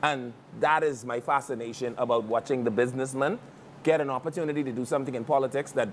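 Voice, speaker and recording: A man hosting a talk show, talking rapidly and rambling through his argument. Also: medium pitch, fairly even intonation, slight background noise. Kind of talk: casual talk show chat.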